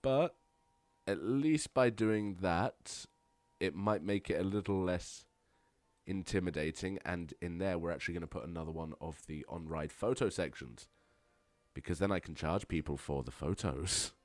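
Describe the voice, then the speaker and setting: Hoarse low-voiced man gaming chat. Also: moderate pace, no room sound. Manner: playful, chatty, jokey asides to viewers. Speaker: let's play gamer. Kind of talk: casual gameplay commentary.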